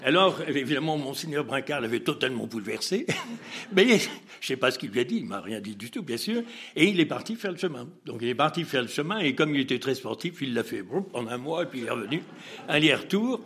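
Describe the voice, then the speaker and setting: This guest's mid-range voice has a breathy edge and runs a little fast. Telling an anecdote during an interview, he brings it to life by acting out dialogue, laughing frequently, and pausing to hesitate and start over.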